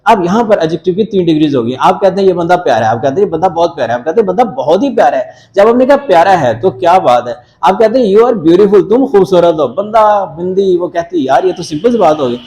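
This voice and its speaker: A man's voice: high voice, sing-song, quick pace, hardly any pauses, warm tone, rough recording. A male teacher giving a grammar lecture, explaining step by step, repeating words and mixing in English phrases. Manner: repeats words to drill them.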